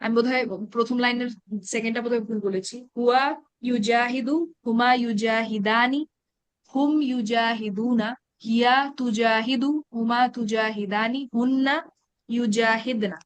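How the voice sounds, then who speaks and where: A woman teaching an Arabic grammar class in an online meeting, reciting verb conjugations slowly and explaining in quick asides. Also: a little high, steady tone, no room sound. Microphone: online meeting call.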